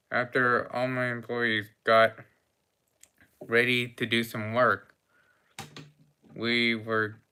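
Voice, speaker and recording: A man doing a fussy cafe owner, long-winded, gasping, bright voice, slow drawn-out delivery, tabletop game. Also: mid-range voice, clean tone. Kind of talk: role-play voice in a tabletop game.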